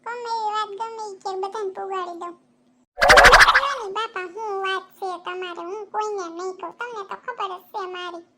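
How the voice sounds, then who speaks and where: A woman's voice: very high-pitched, fairly even intonation, sharp tone. A woman voicing a chatty, boastful village housewife in a cartoon, with a Kathiawadi Gujarati accent. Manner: chatty, boastful, quick-tongued. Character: gossipy village housewife who lends money.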